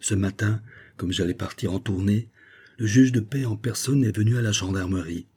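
A man voicing a dutiful, uneasy gendarme sergeant in an audiobook, speaking deferentially and apologetically with a husky voice. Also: fairly low pitch, moderate pace, dark tone. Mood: earnest.

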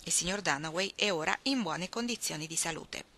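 Woman reading a novel out loud, clear and expressive, bright voice. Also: fairly low pitch, fairly quick. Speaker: audiobook reader. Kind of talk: scripted narration.

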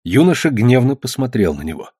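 A man narrating a novel in an even, measured storytelling manner. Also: mid-range voice, breathy edge, dry recording, studio quality. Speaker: audiobook narrator.

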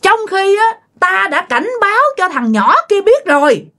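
A woman voicing an angry vengeful old male spirit, with a hoarse raspy voice that sounds aggrieved and threatening. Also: big pitch swings, a little slow, fairly bright tone, exaggerated voice. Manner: threatening, demanding, high-pitched.

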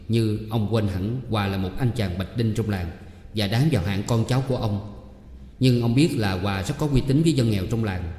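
A man narrating a story in a measured, even reading voice. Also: fairly low pitch. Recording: echoey reverberant room.

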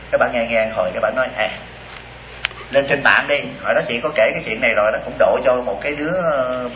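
A man giving a lively dharma talk as a monk, telling stories and asking rhetorical questions. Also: mid-range voice, background noise. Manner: animated, acts out voices in stories, rhetorical questions. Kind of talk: sermon with storytelling. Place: retreat hall. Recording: dull roomy hall recording.

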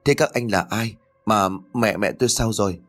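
A man's voice: fairly low pitch, brisk, soft background music, lightly acted. A man voicing a frightened young village man who stammers and pleads in a rush, in an audio horror story. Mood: panicked.

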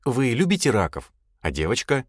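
A man's voice: mid-range voice, husky, no echo, studio quality, pitched above the performer's own voice. A man voicing a chatty, nosy young man who whines and fires off questions. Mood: eager. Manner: excited, whiny, rapid questions.

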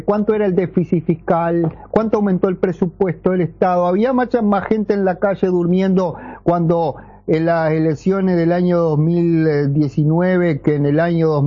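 A middle-aged man with a Uruguayan Spanish accent, hosting a radio show in casual talk, ironic and full of rhetorical questions. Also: on the high side. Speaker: radio host. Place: radio studio. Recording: dull AM radio broadcast.

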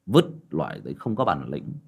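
A man's voice: very deep voice, fairly quick, vocal fry, breathy edge, dull audio. A man telling a rambling story in a casual, blunt way and speaking straight to his listeners. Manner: rambling, blunt and expressive, addresses listeners directly.

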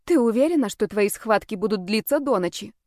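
A woman's voice: medium pitch, expressive, a little mellow, no echo, studio quality, close to an everyday voice. Anxious young woman, as a narrator puts her on. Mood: worried. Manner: urgent, rapid worried questions.

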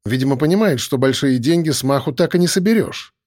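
A man narrating a first-person audiobook in a brisk, wry storytelling manner. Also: mid-range voice, expressive, a little mellow, no echo, studio quality.

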